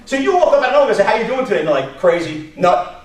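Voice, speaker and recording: Speaking high and quick, this job search instructor, a Long Island man with a Brooklyn accent, presents informally to staff with lively storytelling. He voices quotes, poses rhetorical questions, and laughs softly along the way. The mic sits far off in an indoor meeting room, picking up echo and background noise.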